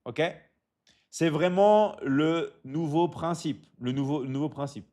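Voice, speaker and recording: Guy doing a live stream, bit high voice, keeps saying d'accord, talks to chat and pushes motivation. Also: a little slow, warm tone. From Michigan. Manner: repeats "d'accord?" often, stumbles and restarts, coaching tone; reads out viewer comments and answers them.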